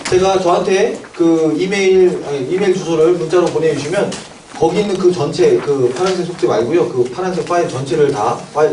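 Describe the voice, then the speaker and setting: A man with a fairly high, mellow voice gives a quick seminar lecture to academy owners. He keeps asking questions and answering them himself. He is recorded from a distance in an echoey room. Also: slight background noise.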